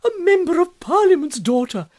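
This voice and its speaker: A man's voice: high-pitched, huge pitch swings, normal speed, dark tone, slightly rough, heavily acted. A man voicing a precise, proper older spinster schoolmistress, speaking in an affectedly sweet, genteel way. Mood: delighted.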